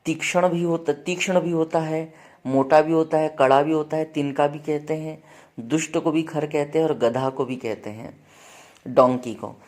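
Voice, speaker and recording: Hindi teacher drilling word meanings. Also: male voice, on the high side, fairly even intonation, moderate pace, darkish tone. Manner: listing word meanings, addresses students as beta; frequent checks like "है ना" and "ठीक है". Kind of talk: exam-prep grammar lesson.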